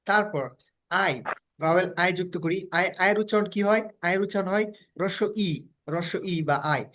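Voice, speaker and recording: A man's voice: high voice, brisk, sharp tone. A Bangladeshi man whose first language is Bengali, teaching a step-by-step phonics lesson, drilling letter sounds and checking in with students often. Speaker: spoken English teacher.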